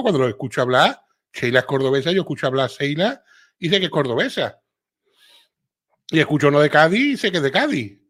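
A middle-aged livestream host from Seville, Spain, speaks with a clear Andalusian accent at an ordinary middle pitch. Chatty and relaxed, he reads viewers' comments aloud and sprinkles his casual talk with frequent little filler tags and tag questions.

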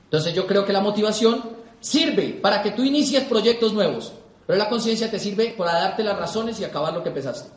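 A young man speaks to a live audience in an animated seminar style, repeating his points for emphasis. His voice sits very high for a man. The sound rings in an echoey hall. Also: brisk. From Colombia. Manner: animated, repeats for emphasis, acts out quoted people. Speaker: motivational speaker.

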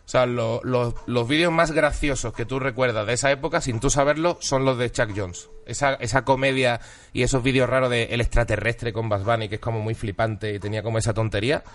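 A man's voice: medium pitch, steady tone, a little fast. A man with a Castilian Spanish accent chatting casually and slangily as a podcast guest. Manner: slangy, colloquial, sweary. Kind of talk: casual chat. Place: podcast recorded in a garage. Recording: slightly distant from the mic.

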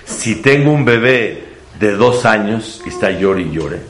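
A man's voice: fairly low pitch, lively intonation, unhurried, crowd noise. A man giving a Torah sermon, asking rhetorical questions and using playful homely examples. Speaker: religious teacher. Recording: echoey room.

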